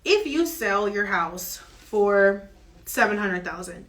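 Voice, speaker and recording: A woman mortgage broker lays out home financing options in an earnest, steady advisory chat. She speaks slowly in a mid-range voice.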